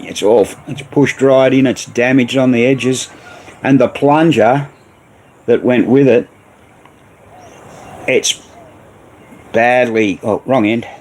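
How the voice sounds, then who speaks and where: A man's voice: mid-range voice, steady tone, takes it slowly, pauses often, a little mellow, low-quality recording. Australian man, stream host, casual rambling chat, slight background hiss. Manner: rambling, reads viewer messages aloud. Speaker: host of a pinball repair livestream.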